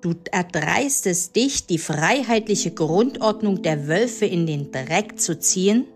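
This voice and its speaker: A woman's voice: fairly low pitch, expressive, slow, faint music behind. A woman doing a pompous raging wolf president. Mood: indignant. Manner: ranting, haughty. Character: pompous furious old male wolf president.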